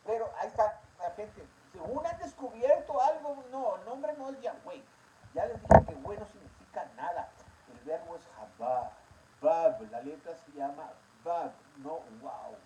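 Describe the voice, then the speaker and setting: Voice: mid-range voice, moderate pace. A Bible teacher giving a religious teaching in an emphatic way, repeating key words and asking the listeners rhetorical questions. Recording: steady background noise.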